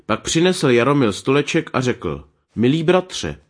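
Lively male fairy tale reader. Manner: lively, voices characters with small pitch shifts. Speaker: storyteller.

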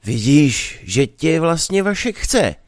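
A man reading a story aloud, voicing a pushy middle-aged marriage broker who coaxes in a drawn-out, sing-song way. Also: a little high, sing-song, no room sound, studio quality, pitched above the performer's own voice. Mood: coaxing.

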